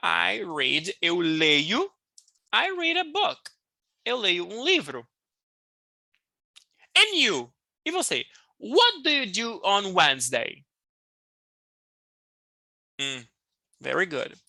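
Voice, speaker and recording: Lively Brazilian woman teaching English. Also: on the low side, creaky, no room sound, studio quality. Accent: Brazilian Portuguese. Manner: lively and playful, slowing to drill English words. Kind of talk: casual online English lesson.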